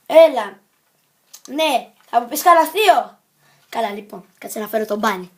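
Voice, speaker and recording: High-pitched woman rambling in a vlog. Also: expressive, a little hiss or hum. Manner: scattered, jumps between topics and self-corrects; playful and silly. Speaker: vlogger.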